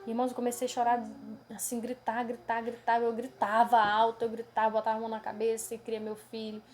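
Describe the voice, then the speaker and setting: A woman's voice: a little high, monotone, fast talker, darkish tone, slight background noise. A woman preacher earnestly recounting a dream vision as a testimony to her congregation, often calling them brothers. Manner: earnest and emotional, addresses listeners as brothers; tags many phrases with a questioning aside.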